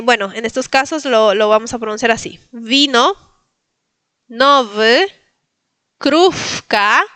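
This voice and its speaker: A woman from Latin America teaches pronunciation, patiently repeating each word slowly for her learners. Her voice is bright and slightly high. It is recorded close and dry, with no room sound. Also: clear, resonant tone, no room sound. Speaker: Polish language teacher. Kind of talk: pronunciation lesson.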